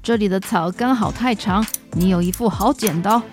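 Noble, helpful rhinoceros beetle for a kids' tale, played by a woman, earnest and reasonable, soft music behind. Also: mid-range voice, moderate pace, pitched below the performer's own voice, close to an everyday voice. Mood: firm, pleased. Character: upright, helpful male rhinoceros beetle hero of children's story.

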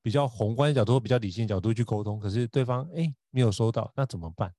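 A man's voice: mid-range voice, very fast, dark tone, no room sound, clean studio sound. A man, a guest communication teacher talking earnestly in an interview and speaking directly to the listeners. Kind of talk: reflective interview talk.

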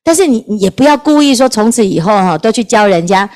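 A woman's voice: mid-range voice, lively intonation, fast, a little mellow. A Buddhist nun gives a storytelling Dharma talk, asking her listeners questions as she goes. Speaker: Buddhist nun teaching scripture.

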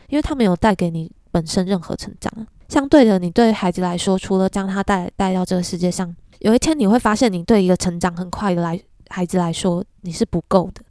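A woman's voice: mid-range voice, mellow, dry recording, studio quality. A young woman with a Taiwanese Mandarin accent hosting a podcast, telling stories in a chatty, laughing way. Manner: chatty storytelling, frequent self-mocking laughs. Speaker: podcast host. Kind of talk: casual monologue.

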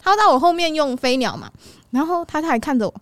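A woman with a Taiwanese Mandarin accent, co-hosting a casual podcast and telling animated stories with bursts of laughter. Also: sits high, fast talker, no room sound, clean studio sound. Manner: animated storytelling, breaking into laughs. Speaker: podcast co-host. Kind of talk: casual chat.

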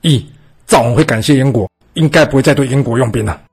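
A man voicing a bold, clever young male army cook who argues calmly and persuasively. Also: medium pitch, fast, gravelly, slightly rough, soft background music.

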